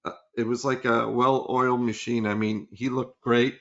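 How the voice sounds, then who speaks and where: A man's voice: medium pitch, little pitch movement, moderate pace, fairly bright tone. A man co-hosting a sports talk show, chatting casually and eagerly, tripping over repeated words. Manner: enthusiastic, stumbling repeats. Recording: dull lo-fi audio.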